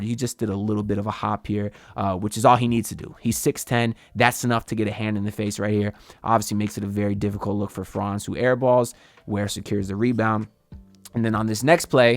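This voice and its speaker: A man breaking down basketball game film in a casual voice-over, getting more excited as the plays build. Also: mid-range voice, no echo.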